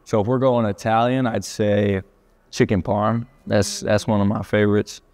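A young man, a college athlete, answers interview questions over dinner in an easygoing way. His voice sits a little low for a man, and he often restarts and repeats words as he thinks. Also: little pitch movement, normal speed, a little mellow. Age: young adult. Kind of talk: casual interview chat. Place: indoors at a dinner table.

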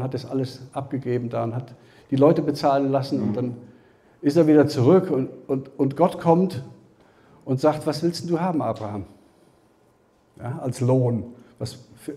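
A man giving a Bible teaching as a sermon, talking conversationally to the congregation, often checking with a quick "ja?" and restarting his phrases. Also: medium pitch, mellow. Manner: conversational preaching, frequent tag "ja?", restarts. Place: church hall.

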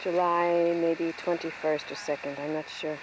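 A woman's voice: low-pitched, flat delivery, moderate pace, noisy background. A woman filming a home video outdoors, describing the scene as she goes, recorded on an old VHS camcorder tape. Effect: old VHS camcorder tape sound. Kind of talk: casual commentary while filming. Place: outdoors by the water.

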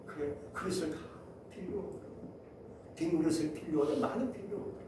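A man's voice: a little high, moderate pace, noisy background, lightly acted. A man as a stern old prophet. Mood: commanding. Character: stern old male prophet giving orders. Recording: echoey church from far off.

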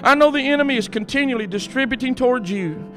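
Male preacher, fervent and emphatic, high and bright with a gravelly edge, faint music behind. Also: fast. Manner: fervent, emphatic preaching with repeated calls to the congregation. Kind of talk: sermon.

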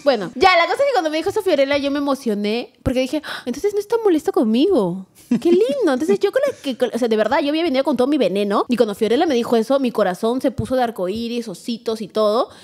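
A young Peruvian woman telling a story on a podcast in a high, bright voice that leaps around. She talks fast and animated, acting out every line of dialogue. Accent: Peruvian Spanish. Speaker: podcast co-host. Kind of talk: casual storytelling chat.

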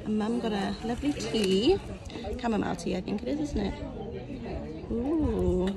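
A woman's voice: mid-range voice, lively intonation, a little slow, a crowd in the background. A young English woman chatting cheerfully to her handheld camera as she vlogs outdoors in the countryside. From England. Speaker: vlogger. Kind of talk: casual travel vlog. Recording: noisy outdoor camera audio.

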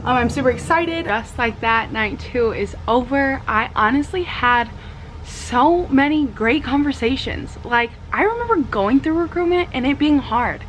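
Bubbly young sorority woman, high voice. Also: expressive, measured pace, fairly bright tone, rough recording. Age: young adult. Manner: bubbly, girly sorority-girl chattiness; heavy use of "like". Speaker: vlogger, college sorority member. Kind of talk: casual vlog chat. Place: small dorm room, indoors. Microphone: handheld camera at arm's length. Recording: clear room noise on camera mic.

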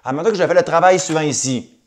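A man's voice: a little high, fast talker. A man with a Québécois accent teaching a recorded math lesson, upbeat and cracking jokey asides.

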